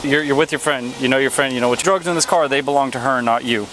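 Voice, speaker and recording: A man's voice: mid-range voice, steady tone, quick pace. A man speaking as a police officer, giving stern, repetitive commands and questions at a roadside stop. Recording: noisy outdoor police bodycam audio.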